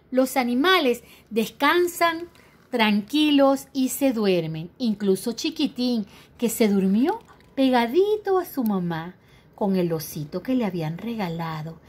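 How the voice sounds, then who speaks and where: A woman storyteller reading a children's picture book, her high voice rising and falling with plenty of expression. She takes her time, pausing to ask the little listeners questions. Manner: lively, asks the young listeners questions.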